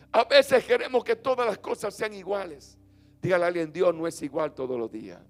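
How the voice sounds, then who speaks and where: High-voiced pastor preaching fervently. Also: male voice. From Dominican Republic. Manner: fervent call-and-response preaching, swinging from loud chanted lines to soft low ones. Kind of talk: sermon. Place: church sanctuary. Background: faint instrument music.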